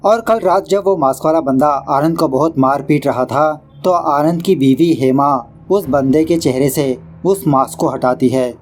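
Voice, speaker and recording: A man narrating a casual recap of a horror film, mixing in English words and joking at the director. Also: a little high. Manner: brisk storytelling with English words mixed in; quips at the film's director. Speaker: movie explainer.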